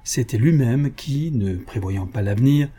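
Mellow, husky male audiobook narrator. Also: mid-range voice, lively intonation, measured pace. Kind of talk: audiobook reading of a classic novel.

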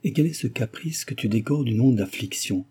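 A man's voice: mid-range voice, moderate pace, warm tone, breathy edge, lightly acted. A man voicing a stern, brooding older man who moralizes severely, read as a character in an audiobook. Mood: severe reproach. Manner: severe, reproachful declaiming.

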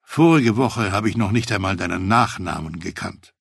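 A man voicing a commanding male Mafia capo who speaks firmly and emphatically, in a gravelly, husky voice. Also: sits low, lively intonation, normal speed, fairly bright tone, no echo, clean studio sound, full character voice.

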